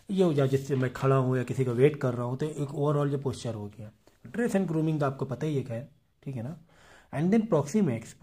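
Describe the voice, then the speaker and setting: Male lecturer with a mellow voice; patient explainer who reads textbook passages slowly and keeps checking that students follow. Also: medium pitch. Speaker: teacher. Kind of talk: classroom lecture.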